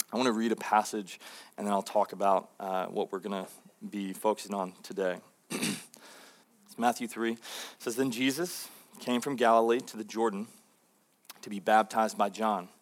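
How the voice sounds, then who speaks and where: A man preaching a sermon in a relaxed, conversational way, with fillers and restarts, and rising pitch when he acts out voices. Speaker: pastor.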